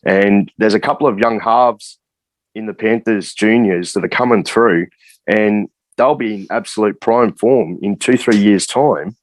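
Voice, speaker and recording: An Australian man with a lowish voice speaks plainly and hesitantly, filling pauses with "um" as he works through his point. The sound is close and dry. He comes across as a guest talking shop on a casual podcast. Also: dry recording, low-quality recording. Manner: hesitant, filler-heavy, plain-spoken. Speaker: guest coach.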